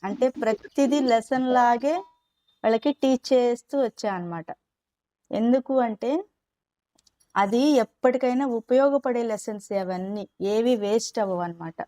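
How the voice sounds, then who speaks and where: A woman's voice: a little high, moderate pace, dark tone. A woman teacher talking patiently to young children, asking them questions and coaxing answers. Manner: mimics whiny children's talk when quoting. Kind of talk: teaching children in a live class.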